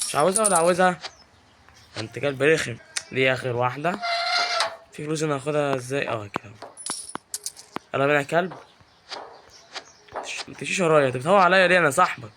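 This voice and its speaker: Fast-talking Egyptian gamer, a touch higher-pitched, teasing and excitable, with steady clicking noise behind him. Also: male voice. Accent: Egyptian Arabic. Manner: excitable and teasing, yells at game characters. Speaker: gaming YouTuber. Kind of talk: live gameplay commentary.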